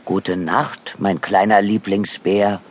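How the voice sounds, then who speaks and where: A man voicing a kindly old grey wolf with a deep voice in a storybook. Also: little pitch movement, slow, background noise.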